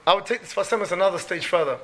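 A man's voice: sits high, rapid-fire, a bit bright, a little hiss or hum. A man giving a religious lecture like a rabbi, emphatic, repeating key phrases and posing rhetorical questions. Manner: emphatic, repeats key phrases, peppers speech with Hebrew and Yiddish terms.

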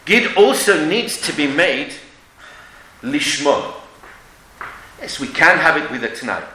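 Guy giving a religious talk, kinda high animated voice, asks lots of questions, echoey room. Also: takes it slowly. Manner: emphatic, questioning, uses Hebrew and Yiddish terms. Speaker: religious lecturer. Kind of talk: religious lecture with storytelling and rhetorical questions. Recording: echoey room with background noise.

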